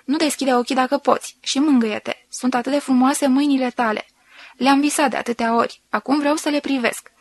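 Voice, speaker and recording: A woman voicing a sensual woman who slowly and softly reads out an intimate love letter. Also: sits high, steady tone, no echo. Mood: intimate, tender. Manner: slow, soft, intimate reading.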